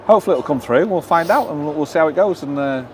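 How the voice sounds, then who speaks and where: A man's voice: a little high, expressive, rapid-fire, darkish tone, slight background noise. A man hosting a casual live stream outdoors, chatting away and reading viewer comments aloud. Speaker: vlogger and live-stream host. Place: outdoors in a seaside town, then a lounge bar.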